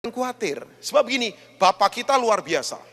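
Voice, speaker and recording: A man preaching a sermon as pastor, telling stories and rising to shouts. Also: high voice, big pitch swings, normal speed. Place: large church hall. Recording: echoey church hall.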